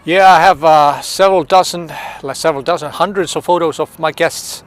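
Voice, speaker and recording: A man's voice: fairly high pitch, a little fast, no room sound. A man giving a live-streamed walking tour. He is sniffly from the cold and talks in a chatty way, greeting viewers by name and searching for words. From Iceland. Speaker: tour guide. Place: outdoors by a city pond in winter wind.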